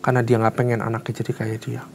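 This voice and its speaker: A man's voice: medium pitch, monotone, fast, creaky. A man in his thirties teaching a Bible study as a conversational sermon, asking the congregation emphatic rhetorical questions in casual, colloquial phrasing.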